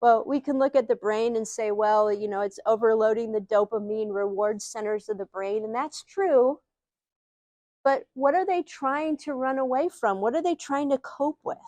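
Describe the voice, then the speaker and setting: Speaking at a moderate pace, this middle-aged Ohio woman, a psychologist and speaker, gives an earnest live teaching talk full of rhetorical questions. She has a Midwestern accent and a highish, slightly mellow voice. There is no room sound.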